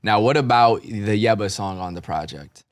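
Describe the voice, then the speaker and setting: A man's voice: on the low side, moderate pace, no room sound, studio quality. A man hosting a podcast, talking in a blunt, slangy, casual way and swearing freely. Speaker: podcast host. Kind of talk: casual chat.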